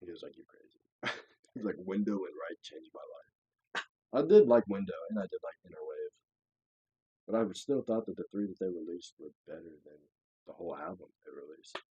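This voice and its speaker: A young man hosts a casual podcast, spinning animated stories packed with swearing, acted-out quotes and frequent laughter. His voice is deep and slightly rough at a moderate pace, and the recording is dry and rough.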